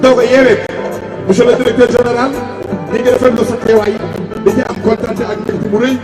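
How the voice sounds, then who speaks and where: A man acting as master of ceremonies, announcing in a formal, declamatory manner through an outdoor loudspeaker. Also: very high voice, little pitch movement, a little fast. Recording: echoey distant PA with loud music.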